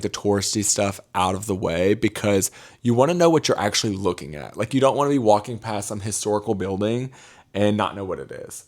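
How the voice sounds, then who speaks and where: A young man with a Mississippi accent telling travel stories in a casual, chatty vlog style, with gossipy, emphatic asides to the viewer. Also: on the low side. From Mississippi, United States. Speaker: travel vlogger.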